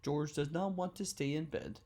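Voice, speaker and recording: A woman reading a picture book aloud a line at a time, slowly and clearly, for a child to repeat, acting out loud sneezes. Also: deep voice. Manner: animated, with loud acted sneezes. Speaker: storybook reader.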